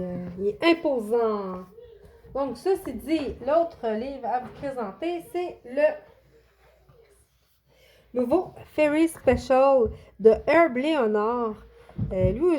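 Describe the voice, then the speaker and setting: A woman from Quebec with a Québécois French accent and a mellow, highish voice chats casually as a coloring book YouTuber, showing off her coloring books. She's hesitant, with many fillers and restarts, and a slight hiss or hum is audible.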